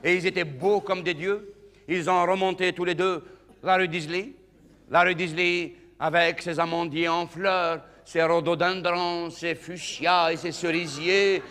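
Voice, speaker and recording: A male stand-up comedian telling a comic story on a theatre stage, playful and animated, with dramatic pauses. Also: sits high. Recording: reverberant hall, faint noise.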